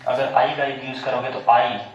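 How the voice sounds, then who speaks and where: Speaking briskly at medium pitch with little variation, this male English teacher quizzes his class during a pronunciation lesson. He spells each word letter by letter, then says it again, and the audio comes through muffled with room echo.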